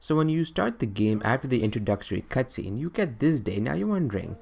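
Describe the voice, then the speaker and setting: Fast and very animated, his mid-range voice is gravelly and darkish with a breathy edge. The young creator rambles through a countdown of his favourite games, frequently posing questions to himself in a conversational way.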